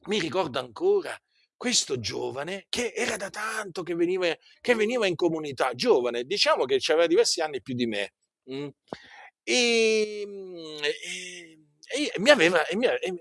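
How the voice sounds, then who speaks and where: A man preaching a sermon, speaking in an animated way, repeating himself and asking many rhetorical questions. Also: a little high, no room sound, clean studio sound.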